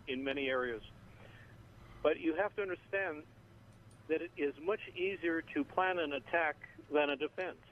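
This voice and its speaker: Halting man on a tinny phone line. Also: fairly high pitch, a little hiss or hum. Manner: halting, full of "uh" and restarts. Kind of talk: measured on-air analysis.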